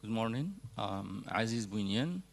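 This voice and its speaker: A man's voice: on the low side, lively intonation, measured pace, creaky. A man from Morocco, a river basin director introducing himself formally and steadily, with some fillers. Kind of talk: formal self-introduction at a ministerial meeting.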